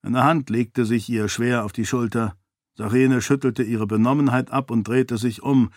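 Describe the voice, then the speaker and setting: A man narrating a fantasy audiobook in a steady, clear storytelling manner. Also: medium pitch, moderate pace, no room sound, clean studio sound.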